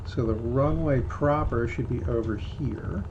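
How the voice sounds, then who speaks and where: Brief: male pilot on a cockpit headset, middle-pitched, slightly muffled, light engine hum, talks through his steps with hesitant self-mockery. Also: a little slow. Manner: thinks aloud, hesitant and self-deprecating. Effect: heard through a cockpit headset intercom. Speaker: student pilot flying a small plane. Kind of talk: casual vlog narration mixed with radio calls. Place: cockpit of a small propeller plane. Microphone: aviation headset mic.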